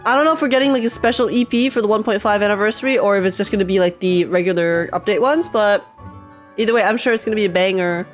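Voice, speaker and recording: A woman live-streaming a game reaction in casual chat, chatty and excitable, repeating herself and laughing often, with a slightly stuffy nose from just waking up. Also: medium pitch, quick pace, soft background music. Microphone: desk microphone with webcam.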